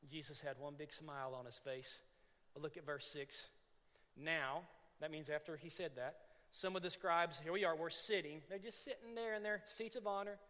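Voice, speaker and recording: A man preaching a sermon, animated, acting out scenes and repeating phrases for emphasis. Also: on the high side. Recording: long hall reverb.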